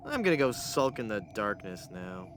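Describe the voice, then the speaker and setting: Over background music, a man with a lowish, sing-song voice speaks at normal speed. He plays an earnest but hapless adventurer in a comic game, bluffing and pleading dramatically as a wannabe ghost. The mood is sheepish with a mock-menacing edge.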